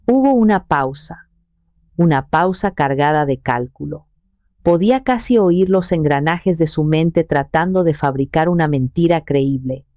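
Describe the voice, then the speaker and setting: A woman narrating a first-person dramatic story in a measured, cold manner. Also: low-pitched, lively intonation, mellow, no echo.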